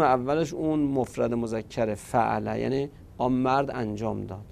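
A man's voice: medium pitch, gravelly, darkish tone, a little hiss or hum. A man teaching a recorded grammar lesson, patiently drilling verb forms one by one.

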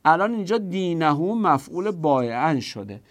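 A man teaching an Arabic grammar lesson in Persian, asking questions and answering them himself while he repeats the examples slowly. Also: fairly high pitch, sing-song.

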